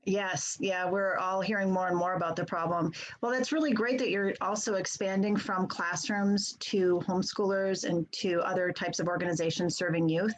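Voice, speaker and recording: A woman's voice: fairly low pitch, steady tone, normal speed, hardly any pauses, slight background noise, poor audio. A middle-aged woman interviewing a guest over a video call in a friendly, curious way.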